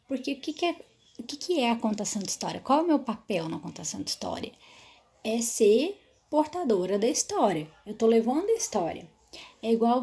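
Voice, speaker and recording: A woman teacher explains storytelling tips step by step, often checking in with "certo?" Her voice is warm and fairly high, but she has some trouble with it and pauses to drink water.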